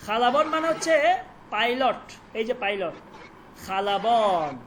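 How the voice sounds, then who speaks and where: A Persian teacher who repeats words slowly for pronunciation and quizzes the students. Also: mid-range voice, big pitch swings, fairly bright tone, slight background noise, poor audio. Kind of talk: online language lesson.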